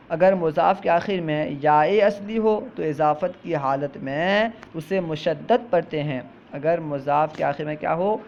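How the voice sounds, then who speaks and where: A man teaching a grammar lesson, who reads each example slowly, repeats it and then explains it. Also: a little high, gravelly, darkish tone, lo-fi sound, a little hiss or hum.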